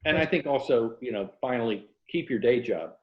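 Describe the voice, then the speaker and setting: Calling in by video from an old house, this Tampa, Florida writer talks briskly in a medium-pitched, lively voice. The American interview guest's audio is roomy and muffled as he moves from casual chat to reading a passage of his novel.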